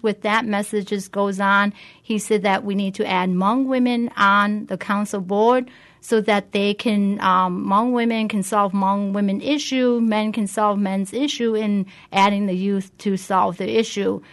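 A woman's voice: mid-range voice, steady tone, unhurried. A woman guest, a community coordinator, giving an explanatory answer in an interview.

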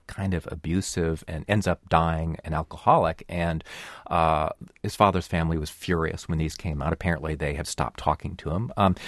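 A man's voice: deep voice, dry recording, clean studio sound. A man discussing books on a radio show, explaining in a thoughtful, hesitant way. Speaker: book reviewer guest.

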